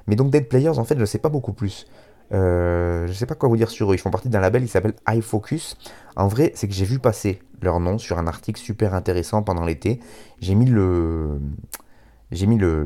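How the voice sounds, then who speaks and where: A French man hosts a music radio show by himself. His voice is low-pitched and soft-edged, with a dark, relaxed tone. He talks casually and hesitantly, readily putting himself down. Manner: self-deprecating, hesitant. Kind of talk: casual solo radio presenting.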